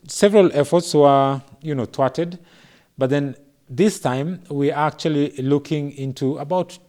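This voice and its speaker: A man with a Kenyan English accent hosting a studio talk show, measured and searching in his phrasing. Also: medium pitch, darkish tone.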